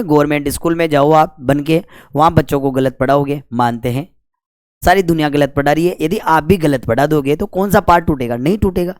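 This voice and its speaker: A male Hindi grammar teacher leads a lecture, his voice sitting a little high. He keeps asking questions and answering them himself, nudging students with jokes and mild scolding. The sound is close and dry, with no room around it. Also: a little mellow, dry recording. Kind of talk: classroom lecture.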